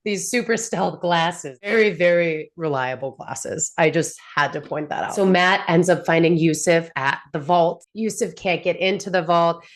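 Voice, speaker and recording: A woman hosting a casual show recap, talking in an animated, chatty way full of fillers and laughs. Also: on the low side, normal speed, hardly any pauses. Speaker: podcast host.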